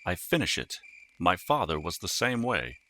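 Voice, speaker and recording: Earnest little mouse dentist, male narrator performing, raised pitch, very lively melody, firm and precise storybook delivery. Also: moderate pace, slight background noise, heavily acted. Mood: resolute.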